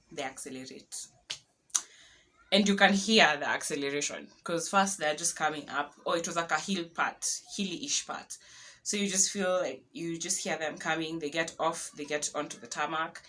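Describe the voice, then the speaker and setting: Kenyan woman vlogger, low voice, lively storyteller, faint noise behind. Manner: animated retelling with laughs and dramatic whispered asides. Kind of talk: casual storytelling to camera.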